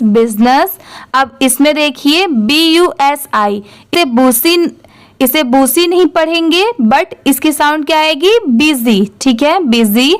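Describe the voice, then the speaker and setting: Slow, high-voiced woman teaching phonics. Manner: slow, spells words letter by letter and repeats them; asks questions then answers them herself. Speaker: English reading teacher. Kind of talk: classroom-style phonics lesson.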